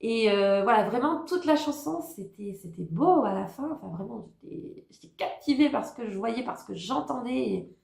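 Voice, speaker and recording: A woman's voice: fairly high pitch, creaky, roomy sound. A woman giving a casual spoken review as a vlogger, hesitant, with many fillers and restarts. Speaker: YouTuber reviewing a TV talent show.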